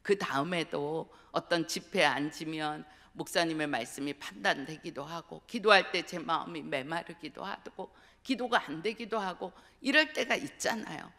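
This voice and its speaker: A middle-aged woman preaches a testimonial sermon as a guest speaker, telling her story earnestly and slipping into whispers to stress a point. Her voice is bright and gravelly. It rings with the long reverb of a church sanctuary. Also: sits low, normal speed, few pauses. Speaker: guest speaker, pastor's wife.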